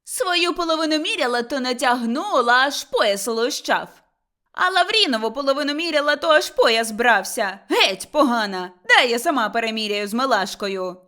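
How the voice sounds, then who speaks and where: A woman's voice: sits high, huge pitch swings, slow, pushed and bright, voice pushed up, full character voice. A woman voicing an indignant older peasant mother-in-law who shrieks her complaints. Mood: indignant shrieking.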